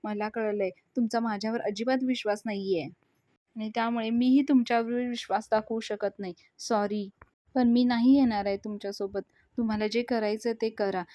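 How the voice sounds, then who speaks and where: A hurt young woman defying her father, as a woman acts her out. She speaks in a firm, reproachful way, slightly raised and louder than plain narration. The voice is mellow and dry. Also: on the high side, fairly even intonation, normal speed, dry recording, close to an everyday voice. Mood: firm refusal.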